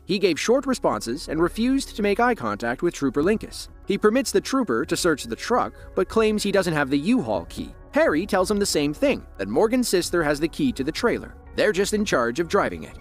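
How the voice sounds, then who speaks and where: Male American narrator for scripted true-crime, fairly high voice with animated delivery, light music underneath. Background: faint music.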